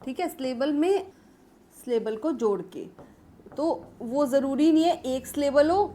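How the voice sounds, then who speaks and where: A young woman teaching English literature in a patient classroom-style lecture, slowly reading English definitions and explaining them. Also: high voice, lively intonation, mellow. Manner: explains patiently, calls students "beta", slow English read-outs.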